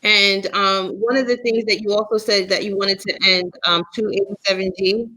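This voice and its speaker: A woman's voice: mid-range voice, fairly even intonation, moderate pace, sharp tone, low-quality recording. A woman hosting an interview, asking the guest short, engaged questions. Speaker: show host.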